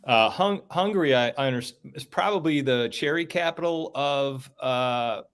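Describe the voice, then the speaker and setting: A man's voice: mid-range voice, moderate pace, a bit bright, smooth. A man hosting a casual chat show, talking at length in a rambling, upbeat way.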